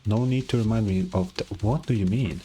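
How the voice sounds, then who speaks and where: A game streamer plays a video game, reading the story narration aloud and murmuring asides over the game music. His voice is on the low side and dark in tone, and he speaks a little fast.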